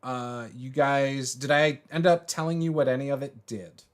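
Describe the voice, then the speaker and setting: A man running a tabletop game as game master, joking in quick, loose asides. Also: medium pitch, fairly even intonation, clean tone.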